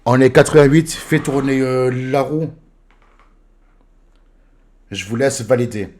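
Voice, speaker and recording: Young man livestreaming, joking and loud. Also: mid-range voice, takes it slowly. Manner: joking, reads viewer messages aloud with bursts of loud excitement. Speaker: live streamer. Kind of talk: casual live-stream chat. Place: at home in his apartment.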